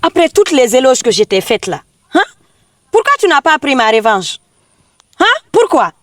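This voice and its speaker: A woman's voice: sits high, big pitch swings, normal speed, slight background noise. A woman playing a haughty girlfriend who scorns a village woman and makes demands of her boyfriend, in a comedy film. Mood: indignant.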